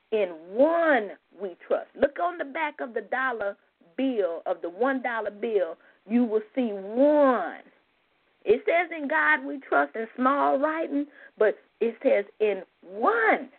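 A woman giving an informal spiritual lesson, repeating her points emphatically with frequent "you know" asides. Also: mid-range voice. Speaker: spiritual teacher. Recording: tinny phone-like sound.

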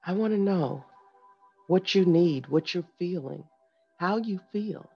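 Over background music on a dull lo-fi recording, a man hosting a morning wellness segment gives a guided meditation and motivational talk, instructing listeners directly in short phrases. His high-pitched voice is gravelly and husky, at a measured pace.

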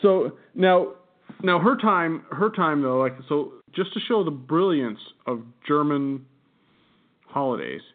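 A man's voice: a little high, expressive, slow pace. An American man co-hosting a podcast, telling a folklore story in a rambling, laughing casual chat. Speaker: podcast co-host. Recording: tinny phone-like audio.

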